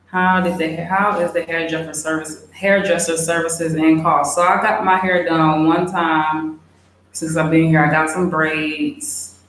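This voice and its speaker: A young woman chatting casually, reading out and answering viewer questions in a relaxed way with many fillers. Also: low voice, unhurried. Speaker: expat vlogger. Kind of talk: casual livestream Q&A. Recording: very echoey room, faint hiss.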